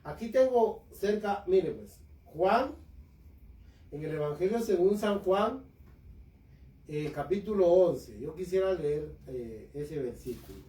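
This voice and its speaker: A man's voice: high-pitched, lively intonation, slow, mellow. A man preaching a sermon, speaking with impassioned fervor and calling his listeners brothers. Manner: impassioned, addresses congregation as brothers. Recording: echoey room, voice far from mic.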